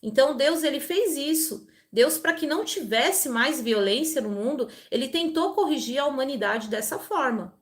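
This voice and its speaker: A woman with a fairly high voice reads a Bible passage aloud. She stops often to explain it in a chatty, homely way. Her tone is conversational, with everyday examples and frequent tag questions. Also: lively intonation, normal speed, few pauses. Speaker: Bible reader and channel host. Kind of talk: scripture reading with informal commentary.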